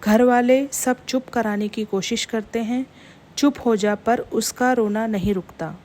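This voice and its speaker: Slow steady woman storyteller. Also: on the high side. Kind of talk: scripted story narration.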